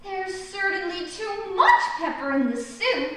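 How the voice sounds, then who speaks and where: A woman's voice: extremely high pitch, very animated, unhurried, background noise, full character voice. A woman acting Alice on a school stage, a prim, earnest girl who grows exasperated. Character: polite, bewildered young girl, easily exasperated. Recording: echoey hall from far off.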